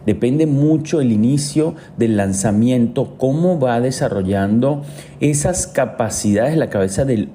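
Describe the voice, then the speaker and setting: Man from Venezuela, orthopedic doctor, explanatory podcast talk, mid pitch, faint hiss behind. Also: warm tone. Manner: explanatory, with frequent filler pauses. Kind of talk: informative medical talk.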